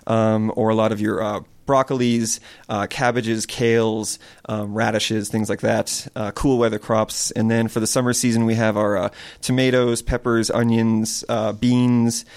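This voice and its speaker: Farmer from Connecticut, low and level, plain earnest answers to an interviewer. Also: male voice, little pitch movement, unhurried, a little mellow. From Connecticut, USA. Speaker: small farm owner.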